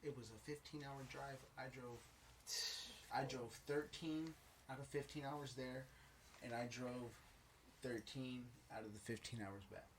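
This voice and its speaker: A man with a medium-pitched voice chats casually on a podcast. He is slangy and swears a lot, doubling back on phrases to drive them home. There is some noise in the recording. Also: steady tone, a little slow, rough recording. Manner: slangy, heavy swearing, repeats himself for emphasis. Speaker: podcast co-host. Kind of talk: casual chat.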